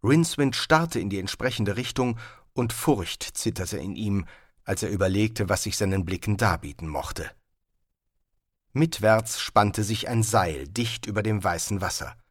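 A man reading a fantasy audiobook as narrator, with expressive storytelling. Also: fairly low pitch, unhurried, no echo, studio quality.

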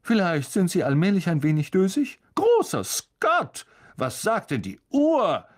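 A man's voice: high voice, huge pitch swings, unhurried, pitched above the performer's own voice, heavily acted. A man voicing a vain, self-admiring teacher who talks in a lofty, pompous way. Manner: pompous, airy.

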